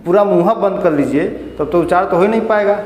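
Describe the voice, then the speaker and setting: A man's voice: sits high, fast, a little mellow. A man teaching a class, asking the students questions and repeating their answers. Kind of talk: classroom lesson. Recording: echoey hall.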